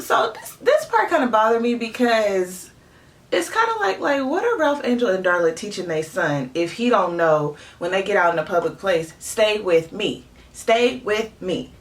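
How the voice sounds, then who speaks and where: A woman chatting casually in a review vlog, animated and opinionated, with lots of filler asides. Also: on the low side, recorded from a distance. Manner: chatty and animated, many "you know" fillers. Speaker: TV show reviewer.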